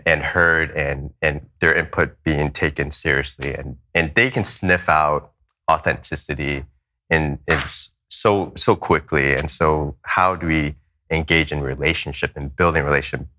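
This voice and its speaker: A man's voice: rumbling low, sharp tone. A man serving as a chaplain, speaking earnestly in a roundtable discussion with frequent restarts. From United States. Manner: earnest, halting, with many restarts.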